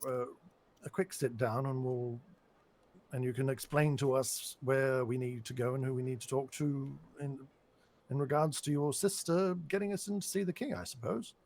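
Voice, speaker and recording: A man's voice: medium pitch, steady tone, normal speed, darkish tone, close to an everyday voice. A man voicing a polite, fussy male adventurer in a tabletop game, speaking hesitantly with many restarts.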